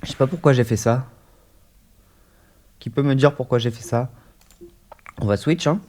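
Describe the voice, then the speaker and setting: At his desk mic, a man with a stuffy head cold chats through a gaming session, hesitant and filler-heavy, as a YouTuber doing casual let's-play commentary. He speaks at moderate pace in a medium-pitched, darkish voice.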